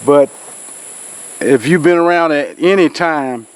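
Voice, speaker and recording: This Georgia host of an outdoors channel vlogs casually to a tripod camera in a rural field, rambling in a folksy manner with many fillers. His voice sits on the high side, smooth and slow-paced, nasal from a cold, and the recording quality is low.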